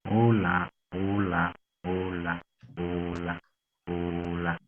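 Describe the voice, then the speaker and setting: A man's voice played back through a filter, thin and tinny with no bass, giving a slow, flat repeated greeting. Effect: thin tinny filtered playback without bass. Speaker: recorded test voice in a class demo. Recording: tinny lo-fi playback with music behind.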